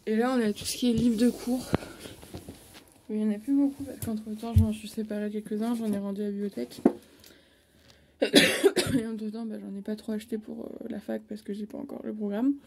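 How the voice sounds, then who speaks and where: A woman's voice: medium pitch, flat delivery, fairly quick, vocal fry, pauses often, noisy background. A young woman casually chatting at home on her phone, filling her sentences with hesitations. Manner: chatty, lots of hesitation fillers. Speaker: vlogger. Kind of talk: casual bookshelf tour.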